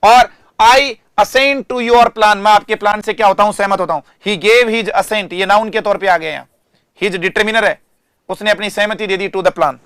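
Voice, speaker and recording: A male English teacher with a fairly high, crisp and resonant voice, recorded close and dry with no room sound. He explains word meanings in Hindi, slows right down to stress each English example sentence, and keeps asking his students questions before answering them himself. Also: fairly even intonation, a bit bright, no room sound. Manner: addresses students directly, asks and answers himself. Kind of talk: online classroom lecture.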